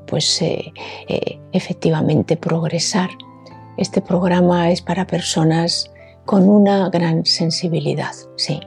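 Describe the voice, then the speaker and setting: A woman hosting a reflective spiritual talk, speaking gently with many fillers and checking in with questions like "sí?". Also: on the low side, creaky, breathy edge. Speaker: host.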